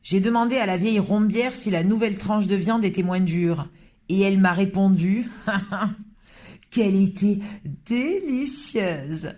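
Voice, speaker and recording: Reader voicing a gossiping storybook waiter, amused and a bit high. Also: male voice, unhurried, a little mellow. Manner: chatty, mocking.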